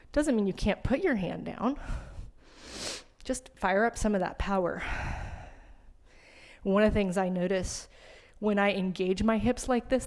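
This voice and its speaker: A woman's voice: medium pitch, darkish tone. Chatty yoga teacher woman, breathing hard. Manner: casual, chatty, encouraging cues with asides. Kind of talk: guided yoga class instruction.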